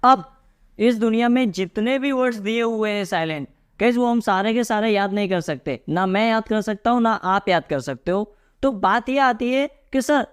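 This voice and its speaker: A young man with an Indian accent teaching a lively lesson, asking his viewers rhetorical questions and calling them guys. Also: high-pitched, clear, resonant tone. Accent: Indian English. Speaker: English teacher. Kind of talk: classroom lesson.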